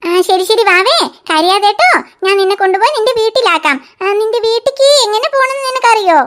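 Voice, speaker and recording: A woman's voice: extremely high pitch, quick pace, a bit bright. A woman voicing a kind motherly woman in a cartoon, soothing and fussing over a lost child.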